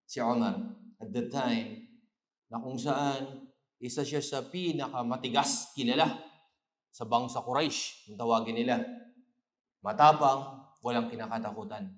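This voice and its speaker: A man's voice: medium pitch, fairly even intonation, normal speed, roomy sound. A man giving an Islamic lecture after evening prayer. He tells the story with Arabic phrases and rises to emphatic peaks. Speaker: preacher.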